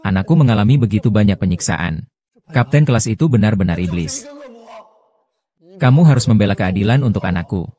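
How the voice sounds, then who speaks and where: A man narrating a dubbed drama recap, reading every character's lines in one even voice. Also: fairly low pitch, brisk, pauses often.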